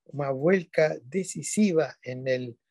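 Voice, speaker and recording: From a dim room at home, an older man who isn't a native Spanish speaker lectures online via webcam, taking it slowly, drifting into digressions and correcting himself with tag questions. His voice has a fairly high pitch and a darkish tone, and the clean studio sound has no echo.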